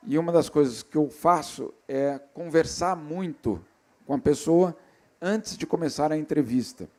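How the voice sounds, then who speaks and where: Man, Brazilian accent, panel moderator, reflective storytelling, pauses and restarts, festival stage. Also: mid-range voice, darkish tone. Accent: Brazilian Portuguese. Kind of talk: storytelling in a live panel talk.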